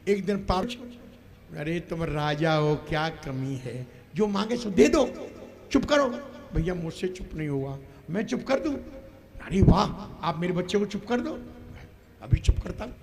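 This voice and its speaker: A man playing a saint who tells a lively parable, acting out a crying child, and gently refuses a request. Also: a little high, a little slow, creaky. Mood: storytelling. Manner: animated storyteller, acts out voices. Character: wise saint, storytelling elder. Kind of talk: folk stage play.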